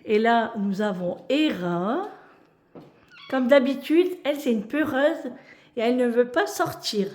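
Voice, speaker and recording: A woman's voice: a little high, animated, measured pace, darkish tone. A French woman chatting casually to her viewers in a home vlog, talking to them as friends. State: out of breath. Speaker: vlogger.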